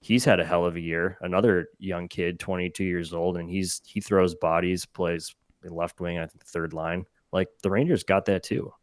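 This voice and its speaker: A man's voice: deep voice, normal speed, hardly any pauses, no room sound. A young man talking as a guest on a sports podcast, telling stories casually and acting out what people said. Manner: animated, acts out quotes in his stories. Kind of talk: casual storytelling.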